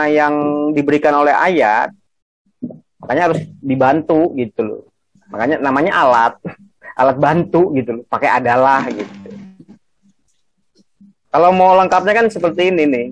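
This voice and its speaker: A man's voice: a little high, no room sound. A man teaching a class on Quranic grammar over a video call, explaining patiently and checking in with his students.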